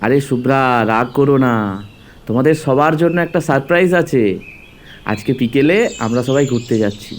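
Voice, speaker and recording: A woman's voice: a bass voice, brisk, a little mellow, voice pushed down. A woman voicing the family's father in a doll story, reassuring and announcing plans. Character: father of the family, cheerful and calming.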